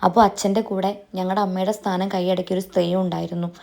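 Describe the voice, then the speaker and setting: A woman voicing a brother who recounts a painful family past in a sad, steady way. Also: fairly low pitch, quick pace, creaky. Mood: sorrowful.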